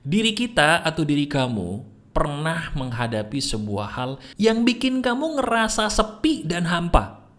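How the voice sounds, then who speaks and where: A motivational speaker with a fairly high voice talks a little slowly, teasing and questioning the listener throughout. He is animated and keeps firing questions at them.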